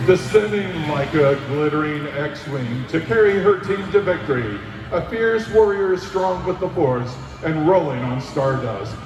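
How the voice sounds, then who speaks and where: Booming male announcer in an echoey arena. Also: expressive, measured pace. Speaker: roller derby announcer. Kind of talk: hyped scripted player introductions over arena PA. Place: large indoor sports venue. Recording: echoey PA heard far off, music. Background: clear music.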